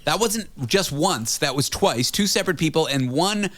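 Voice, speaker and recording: A man's voice: a little high, animated, moderate pace, very noisy. A man in his thirties hosting a radio show, chatting casually with rambling, self-deprecating asides. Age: 30s.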